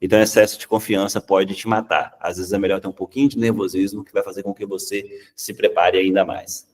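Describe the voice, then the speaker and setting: A man with a Brazilian Portuguese accent teaching public speaking in a lively, conversational way, often checking in with "tá?" and acting out examples. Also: low-pitched, brisk, recorded from a distance. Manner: acts out examples in changed voices.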